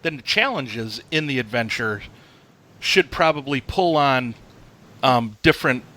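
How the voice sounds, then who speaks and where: A man's voice: medium pitch, animated, a little slow, pushed and bright. A man hosting a podcast, chatting casually and reading out listener comments. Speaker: podcast host. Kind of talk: casual chat.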